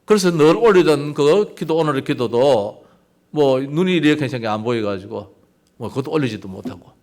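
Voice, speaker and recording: A man's voice: medium pitch, lively intonation, brisk, darkish tone. An older man preaching a sermon as pastor, talking conversationally and asking the congregation rhetorical questions.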